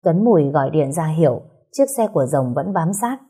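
A woman reads a dramatic story aloud in a steady, scripted narration. Her voice sits low and mellow, with a husky grain. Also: a little fast.

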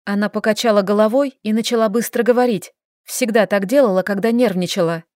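A woman reading a first-person audiobook narration in an even, measured way. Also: mid-range voice, no room sound, clean studio sound.

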